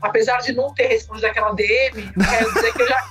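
A Brazilian woman in her thirties, a political journalist chatting as a podcast guest in a lively, storytelling way. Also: fairly high pitch, very fast, recorded from a distance, faint music behind. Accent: Brazilian Portuguese. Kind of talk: casual podcast chat.

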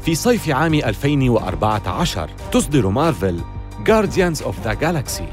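A man's voice: medium pitch, very animated, normal speed, music in the background. A man reading scripted documentary narration with a dramatic, storytelling delivery.

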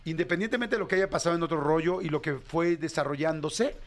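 A man's voice: on the high side, fast talker. A man with a Mexican accent, a guest in a casual chat, talking in a loose, repetitive way with frequent restarts. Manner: chatty, repeats himself, restarts phrases.

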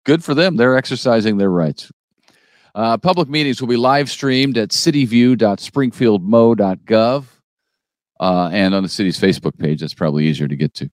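Low-voiced joking man co-hosting news. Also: dry recording, clean studio sound. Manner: joking, laid-back banter. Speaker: news show co-host. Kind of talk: casual local news chat.

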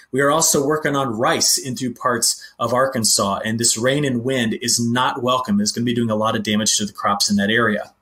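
A man giving an agricultural weather briefing, explaining maps in an animated, pointing way. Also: mid-range voice. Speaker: weather forecaster.

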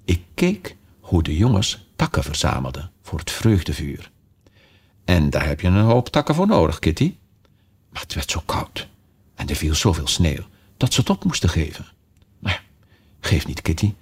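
A man's voice: low-pitched, big pitch swings, normal speed, pauses often, darkish tone, slightly rough, heavily acted. A man reading a storybook, voicing the young girl Alice as she chatters and scolds her kitten in a motherly way. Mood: playfully scolding. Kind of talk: storybook character voice.

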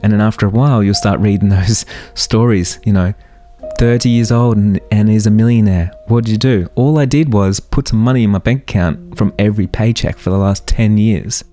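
Soft background music accompanies a man in his thirties as he hosts a solo motivational podcast. His fairly low voice is mellow, his pace brisk, and he speaks earnestly while firing off rhetorical questions.

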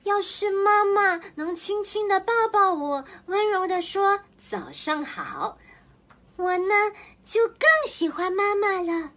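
A very high, sweet voice of a small child in a storybook, telling what it wishes its mother would say with earnest, childlike sincerity, as a woman puts it on. Each line sounds simple, tender and a little shy. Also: fairly even intonation, measured pace, a bit bright.

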